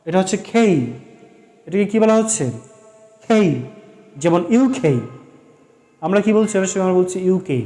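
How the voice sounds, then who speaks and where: Casting: high-pitched male tutor with a Bengali accent, patient, drills letters and sounds one at a time. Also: a little mellow. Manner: explains slowly, repeats sounds and letters for practice, mixes English phrases in. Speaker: English pronunciation tutor. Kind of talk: classroom-style lesson.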